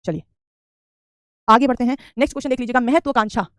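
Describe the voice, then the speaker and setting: Female tutor: quick, drilling delivery, keeps repeating answers, very dry recording. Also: a little high, smooth, dry recording. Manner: answers student questions, says "beta" often; repeats correct spellings for drill. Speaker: Hindi teacher. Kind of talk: online exam-prep class.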